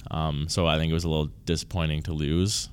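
A man in his early twenties, a university volleyball player, answering interview questions casually and haltingly, often restarting and trailing off. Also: a bass voice, level tone, clean tone. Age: 20s.

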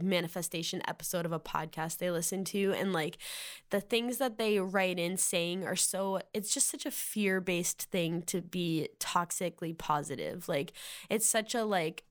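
A woman's voice: fairly low pitch, clean tone. Rambling Valley Girl woman podcaster. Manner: rambling, heavy use of "like" fillers. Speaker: podcast host. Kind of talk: casual solo podcast monologue.

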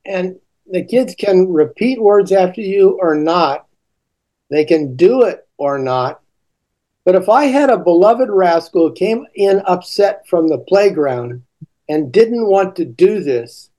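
An older man, a teaching coach, explaining classroom ideas slowly in a relaxed podcast conversation. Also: high-pitched.

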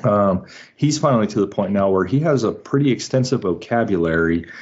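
A man in his forties, a homeschooling father, explaining methodically in an interview, checking in with "right?" and filling pauses with "uh". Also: on the low side, expressive, darkish tone. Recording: muffled lo-fi audio.

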